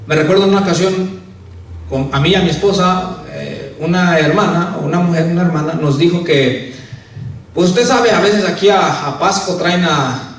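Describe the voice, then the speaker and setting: High-voiced man preaching in an echoey church. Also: normal speed, a little hiss or hum. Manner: preaching, rising on key words and dropping low on each "hermano". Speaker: pastor. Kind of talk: sermon. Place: church sanctuary. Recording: very echoey church hall, voice from far off.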